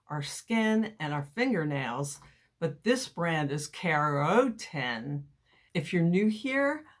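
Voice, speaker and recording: Low-pitched, slow-talking woman with a slight lisp. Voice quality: slight lisp, as if cotton in the mouth. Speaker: YouTube beauty and hair product reviewer. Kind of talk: sponsored product review to camera.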